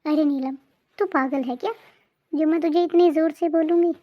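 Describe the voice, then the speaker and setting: A woman's voice: high voice, steady tone, normal speed, lo-fi sound, natural voice. A woman voicing a nagging, greedy mother-in-law in a cartoon family drama, talking sarcastically. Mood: scolding. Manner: scolding, sarcastic.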